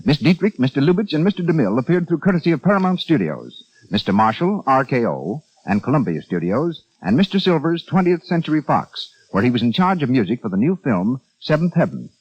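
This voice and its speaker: A man's voice: medium pitch, a little fast, hardly any pauses, slightly rough, no room sound. A man announcing credits in formal style, heard as an old radio show broadcast. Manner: formal, lively announcer delivery. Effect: old radio show broadcast sound. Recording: dull 1930s radio recording with music and audience.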